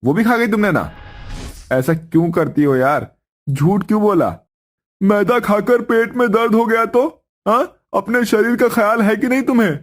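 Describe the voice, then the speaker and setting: A man voicing a fussy young husband who scolds his wife in a cartoon story, in a high, loud, nagging voice. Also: moderate pace, natural voice. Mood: scolding.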